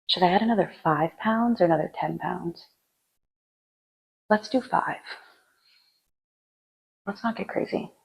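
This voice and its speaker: A woman's voice: lowish voice, unhurried, creaky, long pauses, slight background noise, poor audio. A woman chatting through her gym workout, giving casual lifting tips between sets, sometimes out of breath. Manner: chatty, rambling, with fillers. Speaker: fitness vlogger.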